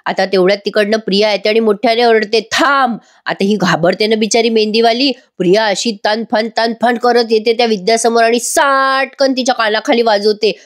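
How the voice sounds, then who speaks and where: Woman, voice-over reviewer, chatty and direct with viewers, slightly high pitch. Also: steady tone, a little fast, hardly any pauses. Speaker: TV serial reviewer. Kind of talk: voice-over episode recap.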